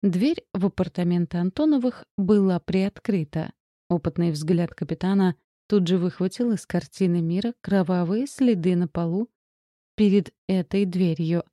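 A woman reading an audiobook in an even, wry storytelling manner. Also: on the low side, moderate pace, no echo, clean studio sound. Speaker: audiobook narrator. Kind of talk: scripted narration.

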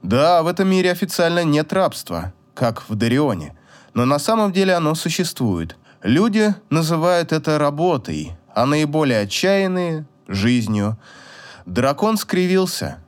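A male audiobook narrator with a fairly high voice reads a fantasy novel. His reading is expressive, and his pitch moves in wide, lively swings. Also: normal speed. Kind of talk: scripted narration.

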